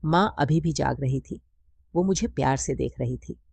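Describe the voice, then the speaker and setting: A woman narrating a first-person story in a steady, plain storytelling manner. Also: a bass voice, moderate pace, gravelly, breathy edge, dry recording.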